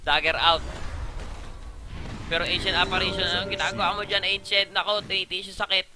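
A fairly high-voiced man with a Filipino accent calls a video game match live, breaking into loud excited shouts as the action heats up. Game sound effects and clear background noise run behind his voice. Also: a little fast. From Philippines. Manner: excitable, frequent loud exclamations. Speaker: game commentator.

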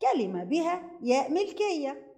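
A woman's voice: high-pitched, very animated, moderate pace, mellow. A woman with an Egyptian accent teaching a primary school Arabic review lesson, asking questions and praising the answers.

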